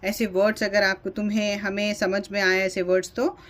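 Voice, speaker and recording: Woman, teacher, grammar lesson, slow read-out definitions, frequent check-ins. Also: medium pitch, flat delivery. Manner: mixes Hindi-Urdu talk with English definitions read slowly; repeats and checks in with "ठीक है". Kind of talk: grammar lesson explaining English and Urdu terms.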